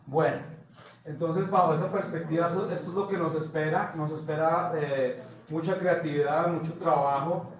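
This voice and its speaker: Background music plays as a motion graphics teacher addresses his class informally, searching for phrases and checking understanding with short questions. His voice is a little high and steady, captured at a distance in an echoey indoor classroom.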